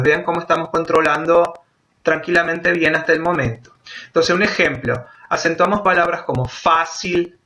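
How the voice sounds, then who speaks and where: A man teaches a grammar lesson, walking through the rules step by step. His voice sits a little high and sounds bright and forceful. He stretches out example words slowly as he spells them out. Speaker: Spanish teacher. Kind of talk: grammar lesson for Portuguese speakers.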